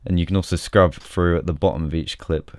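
Deep-voiced man giving a casual tutorial. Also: fairly quick, slight background noise. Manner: relaxed, chatty, with frequent ums. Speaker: software tutorial host. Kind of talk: casual screen-recorded tutorial.

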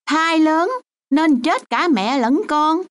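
An actress playing a harsh, dismissive mother in a radio drama, answering with sharp, sarcastic retorts. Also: high voice, slow pace.

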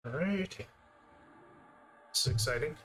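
A man's voice: fairly high pitch, expressive, measured pace, fairly bright tone, soft background music. A man with a Canadian accent giving easygoing live commentary while he plays a game and thinks aloud. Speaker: game streamer.

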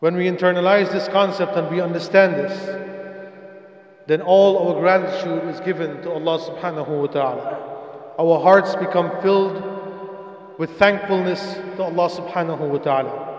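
A man in his thirties giving a Friday sermon at a stand mic in a mosque, in a measured, repetitive devotional cadence. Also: a little high, fairly even intonation, muffled recording. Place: mosque prayer hall, indoors. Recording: echoey hall reverb.

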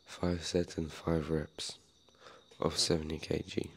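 A young man vlogging casually from his home garage gym at night, talking quietly so he doesn't wake the neighbors. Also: rumbling low, flat delivery, slow pace, husky. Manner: quiet hushed talk so as not to wake the neighbors.

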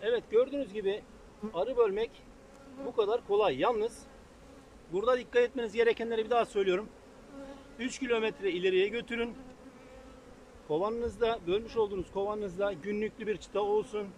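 This beekeeping teacher is a man with a high-pitched, raised, slightly mellow voice, speaking fairly quickly with fairly even intonation and long pauses. He works hands-on in an open field beside the hives, thinking aloud and treating viewers as friends in a practical, casual outdoor lesson. The tripod camera sits far away, and slight background noise includes faint buzzing.

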